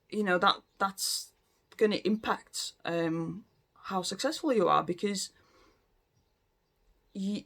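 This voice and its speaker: This late-30s language-learning vlogger from Latvia, a first-language Latvian speaker, has a medium-pitched, fairly bright voice. Talking casually and without a script to camera, they come across as chatty but hesitant, with many ums and restarts.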